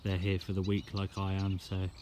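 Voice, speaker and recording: A man's voice: low-pitched, monotone, normal speed. Man vlogging outdoors, background noise. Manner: informal, laid-back, slangy. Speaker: fishing vlogger. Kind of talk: casual vlog to camera. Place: outdoors at a fishing lake.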